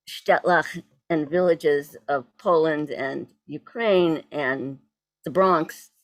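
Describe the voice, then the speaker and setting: A woman with a Boston accent giving an informal online presentation in a halting, deliberate manner. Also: sits low, dry recording. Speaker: poet introduced as guest speaker. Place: virtual event on video call.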